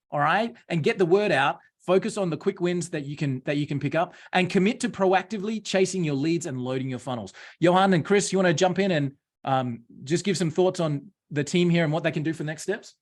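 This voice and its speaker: An Australian man runs a live webinar in a somewhat high voice. He clicks through his screen as he goes and gives viewers direct, coaching instructions. His tone stays practical and upbeat. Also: brisk, hardly any pauses. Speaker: host.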